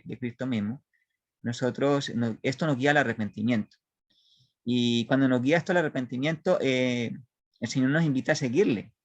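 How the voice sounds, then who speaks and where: A man with a medium-pitched voice leads a Bible study class, reading scripture aloud and pausing to explain it and put questions to his listeners. He speaks haltingly, often restarting his sentences, and there is no room sound.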